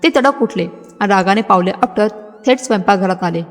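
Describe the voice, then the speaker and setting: A woman narrating a scripted, dramatic story in a steady storytelling manner. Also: mid-range voice, brisk. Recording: music bed, long hall reverb.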